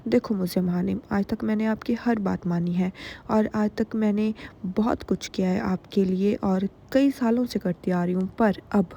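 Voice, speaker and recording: A woman's voice: medium pitch, fairly even intonation, moderate pace, creaky, dark tone. A woman reading a blunt, threatening woman. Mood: demanding. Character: threatening woman demanding money.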